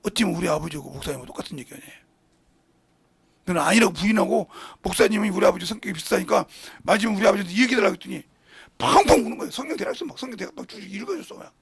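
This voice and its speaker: A middle-aged male pastor preaching with fervor, his voice gravelly and husky and pitched fairly high. He swings from loud, pressing passages into hushed whispers. The sound is dry and close. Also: no room sound. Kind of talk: sermon with retold dialogue. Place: church sanctuary.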